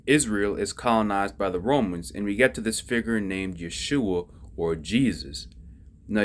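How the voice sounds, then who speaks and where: A man explaining the Bible in a casual, conversational teaching style, often checking that listeners follow along. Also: fairly low pitch. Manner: conversational, folksy, asks listeners if they follow. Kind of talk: casual religious explainer video.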